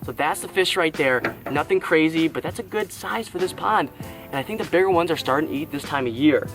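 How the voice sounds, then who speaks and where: A young man fishing at a pond outdoors, talking casually to his viewers on an action camera, excitable and quick to exclaim while sweating in the heat. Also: on the high side, over music. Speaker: fishing vlogger. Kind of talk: casual vlog talk to camera.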